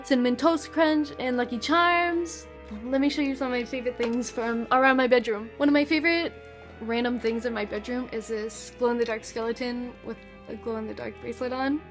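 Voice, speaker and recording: A high-voiced teenage girl vlogs about her favorite things, bubbly and full of slang. She chats casually and eagerly as though talking to friends, with soft music faintly in the background.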